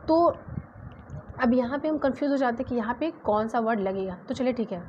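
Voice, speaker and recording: A woman's voice: a little high, expressive, a little fast, mellow. Female grammar teacher, patient, spells words aloud letter by letter; dull lo-fi recording with faint hiss. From India. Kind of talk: exam-prep grammar lesson. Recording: dull lo-fi sound with faint noise.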